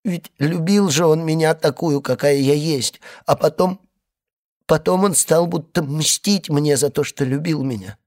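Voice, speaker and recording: A man's voice: mid-range voice, a little slow, long pauses, slightly rough. A man voicing a tearful, desperate young wife who has been abandoned, pleading between sobs. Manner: sobbing, pleading, breathless outbursts.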